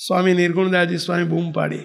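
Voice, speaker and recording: Brief: male spiritual leader, high pitch, animated storytelling sermon, speaks straight to the congregation. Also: creaky. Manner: animated, chants drawn-out ecstatic exclamations; addresses listeners directly. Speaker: spiritual leader giving a discourse.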